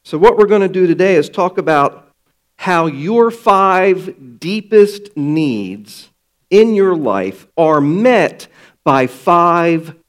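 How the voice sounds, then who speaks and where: Slow, emphatic male preacher. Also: fairly high pitch. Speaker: pastor. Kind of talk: sermon.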